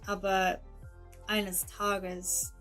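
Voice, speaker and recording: A woman in her twenties from England, with an English accent and English as her first language, giving a personal testimony in slow, halting, careful speech. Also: mid-range voice, level tone, a bit bright, faint music behind. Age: 20s. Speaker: testimony speaker.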